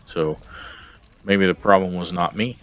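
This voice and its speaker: A man's voice: low voice, steady tone, unhurried, fairly bright tone. A man recording a casual video log about his game stats, rambling and hesitant with plenty of ums and uhs. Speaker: gamer vlogger.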